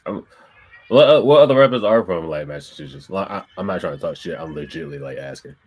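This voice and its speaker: Low-voiced easygoing young man. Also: lively intonation, quick pace, a little mellow. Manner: easygoing, hype reactions. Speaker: podcast co-host. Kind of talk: casual podcast chat.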